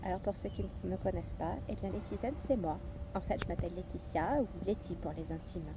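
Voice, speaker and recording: Earnest woman telling her story over noise. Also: on the low side. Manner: measured and earnest, with occasional hesitations. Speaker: personal development coach. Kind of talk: scripted personal story narration. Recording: steady background noise with passing traffic.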